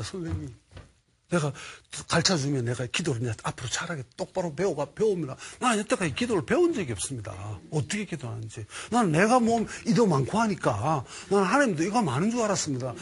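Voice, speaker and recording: A man voicing an illiterate, simple shepherd who speaks earnestly and humbly. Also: on the high side. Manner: earnest, pleading, rustic plain speech.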